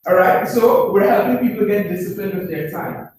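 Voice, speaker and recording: High-voiced man, echoey room, far off. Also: normal speed. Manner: keeps checking in with the room, asking 'right?'; repeats phrases for emphasis. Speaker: presenter at a business information session. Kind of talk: motivational talk to a live group. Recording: very echoey room, far from the mic, faint noise.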